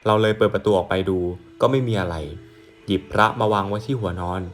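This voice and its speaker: A man calmly reading out a first-person ghost story as a storyteller. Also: on the low side, a little fast, soft background music.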